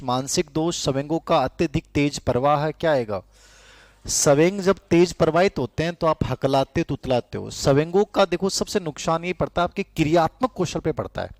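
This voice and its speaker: A man's voice: on the high side, no echo. A middle-aged man, teaching a lecture in a conversational way and repeating key terms so students can write them down. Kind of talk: classroom lecture with dictation.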